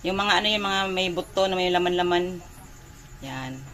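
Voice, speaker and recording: A woman's voice: lowish voice, moderate pace, fairly bright tone. A woman from the Philippines chatting casually in a home vlog, rambling and often searching for words as she shows what she cooks and buys. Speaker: home vlogger and mother.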